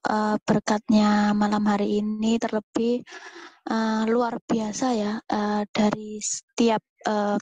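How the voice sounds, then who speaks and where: This is a woman taking her turn to speak in a group session, searching for her words and filling pauses with long hesitation sounds. Her voice is somewhat high for a woman. The sound is dry and close, with no room around it. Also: darkish tone, no echo. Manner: hesitant, many drawn-out fillers. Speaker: participant asking a question. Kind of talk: spontaneous talk in an online group session.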